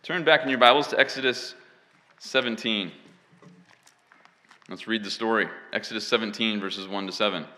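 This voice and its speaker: In a church hall full of listeners, a man gives an emphatic expository sermon, sometimes poking fun at himself. His voice is fairly low and sharp, moving at a moderate pace with long pauses, and the audio has a lengthy hall reverb.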